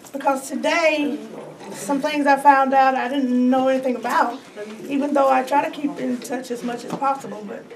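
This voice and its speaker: High-voiced woman, thoughtful, faint noise behind. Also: darkish tone. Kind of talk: casual interview. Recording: distant mic, faint ambient noise.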